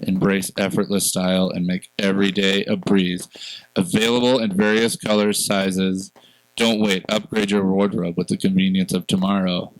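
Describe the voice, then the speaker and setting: Low-voiced man on a dry podcast mic. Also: little pitch movement, moderate pace, no echo, poor audio. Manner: laughs often, reads ad copy in a put-on commercial tone. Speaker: podcast co-host. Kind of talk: casual chat, reading a mock ad.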